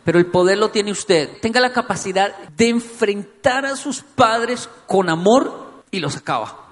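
A middle-aged man giving a playful, joking talk to an audience, telling animated stories. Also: high voice, unhurried, big-room sound. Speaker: speaker addressing an audience. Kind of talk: humorous talk to a live audience.

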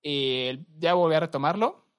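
A young man with a Mexican Spanish accent, co-hosting a podcast and telling stories in a relaxed, slangy, rambling way. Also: on the high side, normal speed, clean tone. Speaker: podcast co-host. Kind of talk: casual chat.

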